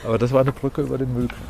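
A middle-aged man from Lauterbach in Hesse, Germany, acts as a local guide on a walk through town, explaining things in a casual storytelling style. His medium-pitched voice is creaky and warm, with a flat, quick delivery, and the noisy outdoor recording carries traffic ambience.

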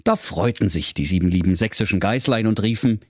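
A man's voice: lowish voice, a little fast, dry recording, clean studio sound. A man with a Saxon accent narrating a comic fairy tale in a playful, mock-solemn way. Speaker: storyteller.

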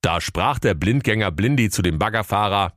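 A man's voice: fairly low pitch, animated, normal speed, a bit bright, no echo, studio quality. A man narrating a comic fairy-tale parody in a mock-solemn storytelling tone.

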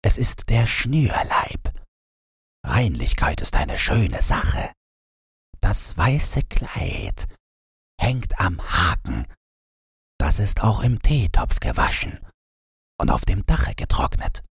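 A man reading a storybook aloud, voicing a vain, self-admiring flower in a soft dreamy tone. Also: fairly low pitch, sing-song, takes it slowly, pauses often, breathy edge, no room sound, clean studio sound, voice pushed up, full character voice.

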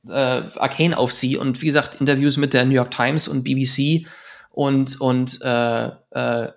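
A German man in his thirties speaks at a middle pitch with a gravelly, creaky edge. He rambles quickly through his answer and keeps restarting his sentences with fillers. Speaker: guest. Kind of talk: casual podcast interview.

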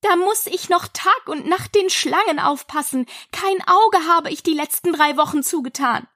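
A fretful mother pigeon, played by a woman reading a storybook, shrieks and scolds in a high, piercing voice. She sounds forever indignant and suspicious. The sound is close and dry. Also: normal speed, a bit bright, no echo. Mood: lamenting. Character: shrill fretful female pigeon guarding eggs.

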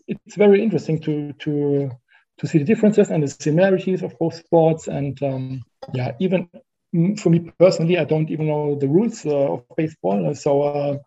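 Husky, mellow man in casual chat. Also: fairly high pitch. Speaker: podcast guest and card collector. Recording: slightly dull, lo-fi sound.

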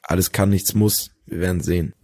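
A tired, hungover man in his late twenties co-hosting a casual podcast, telling stories haltingly with fillers. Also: low voice, a little mellow, a little hiss or hum. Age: late 20s. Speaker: podcast co-host. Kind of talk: casual chat.

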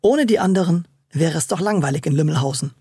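A storyteller reading a scripted children's story in a lively, playful way. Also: mid-range voice, quick pace, slightly rough, no room sound.

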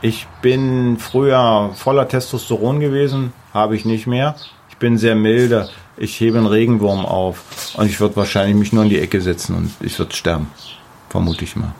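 A man's voice: on the low side, fairly even intonation, moderate pace, creaky, a little mellow, a little hiss or hum. A middle-aged man with a German accent, speaking casually and emphatically in an interview about the house he builds, often repeating words for stress. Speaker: artist building his house.

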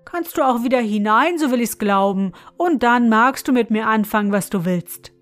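A fearless young male student, as a woman reads him, answers calmly and briskly. His voice stays near the reader's own, a bit high. Faint music plays behind the fairy tale. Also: close to an everyday voice. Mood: cool. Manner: calm, quick and cheeky.

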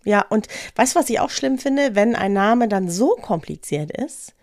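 Woman co-host, mid-pitched, dry close sound, chatty and quick to laugh. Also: dry recording. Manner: lively and chatty, laughs often, frequent "ne?" tags. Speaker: podcast co-host. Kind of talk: casual chat.

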